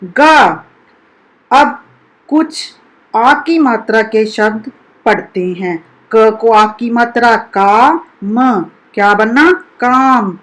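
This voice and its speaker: Woman school teacher for a children's lesson: slightly high voice, unhurried, carefully sounds out every syllable. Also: poor audio. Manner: slow, deliberate, sounds out each syllable for children. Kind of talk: recorded primary-school Hindi lesson.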